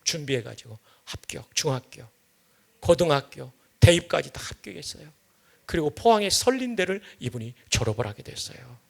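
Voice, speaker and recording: A male guest pastor telling a lively, humorous story during an evening sermon in a church. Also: fairly high pitch, normal speed, creaky. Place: church sanctuary.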